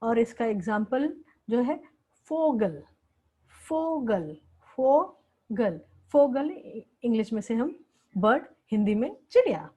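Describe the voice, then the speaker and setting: A woman's voice: on the high side, sing-song, moderate pace, warm tone, husky, poor audio. A woman teaching a language lesson, patiently repeating each word several times. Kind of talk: slow spoken lesson with repeated words.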